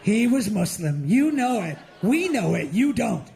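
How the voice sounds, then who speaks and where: High-pitched middle-aged guy from india doing stand-up, animated, mocking. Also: a little slow, gravelly. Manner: animated, mocking, with lively acted-out asides. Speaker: stand-up comedian and host. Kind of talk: stand-up comedy set. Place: live comedy show before an audience.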